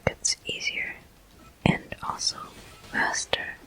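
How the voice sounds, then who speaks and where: The host of an ASMR gaming video softly whispers through the gameplay. Each phrase is brief and relaxed, with a breathy, gentle quality.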